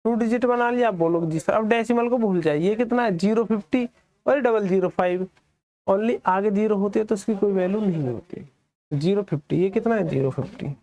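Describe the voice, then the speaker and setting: A male maths teacher with an Indian accent. He asks the class questions and answers them himself, dropping lower and softer on the students' replies. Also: brisk.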